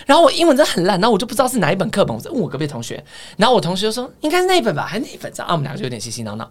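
A woman's voice: mid-range voice, very fast. Woman, Taiwanese Mandarin accent, casual podcast chat, swooping intonation. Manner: animated storytelling. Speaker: podcast co-host.

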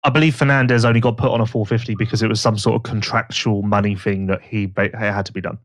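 A podcast host with a fairly low voice talks fast in a casual chat, telling gossipy stories with animated energy and putting on voices for the people he quotes.

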